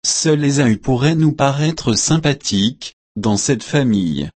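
Male scripture reader, measured and solemn; husky, dry close sound. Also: mid-range voice, animated, a little mellow, no room sound. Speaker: Bible reader and commentator. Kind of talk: scripture reading with devotional commentary.

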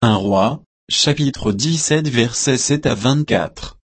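A man reading a Bible passage aloud in slow, measured short phrases. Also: medium pitch, husky, no echo. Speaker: scripture reader.

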